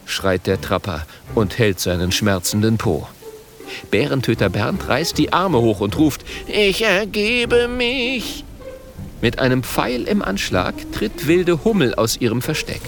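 A man reading a children's story aloud with an expressive, animated delivery. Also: medium pitch. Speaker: narrator. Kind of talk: storybook audiobook narration.

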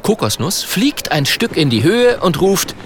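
Slow expressive male storyteller. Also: high voice. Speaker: narrator. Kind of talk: children's audiobook narration.

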